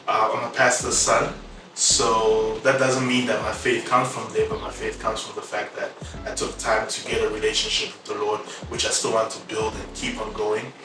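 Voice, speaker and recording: Male podcast co-host from Congo, earnest, flat delivery, distant mic in a roomy space. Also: mid-range voice. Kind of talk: casual podcast chat. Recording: echoey room, distant mic, music behind.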